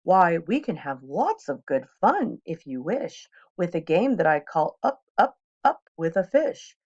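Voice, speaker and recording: A woman's voice: fairly low pitch, big pitch swings, unhurried, darkish tone, highs cut off. A woman voicing a boastful, playful male trickster cat in a hat from a children's storybook, with a showy, coaxing, emphatic way of talking. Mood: reassuring, breezy. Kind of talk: children's storybook read-aloud.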